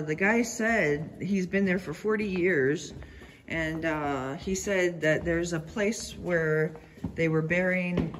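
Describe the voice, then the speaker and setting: A woman visiting on a tour, chatting casually and recounting things in plain everyday words. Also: fairly low pitch. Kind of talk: casual chat. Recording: faint background noise.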